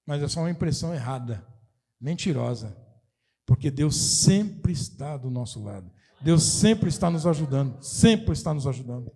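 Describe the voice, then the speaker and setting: A man's voice: on the high side, animated, normal speed, dark tone, breathy edge. A middle-aged man with a Brazilian accent, a pastor preaching a sermon and explaining emphatically while repeating key phrases. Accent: Brazilian Portuguese.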